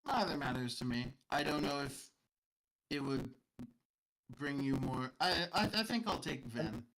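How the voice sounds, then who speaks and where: A man's voice: mid-range voice, animated, a little slow, vocal fry, fairly bright tone, low-quality recording. A man running a tabletop game as game master, talking hesitantly with many fillers.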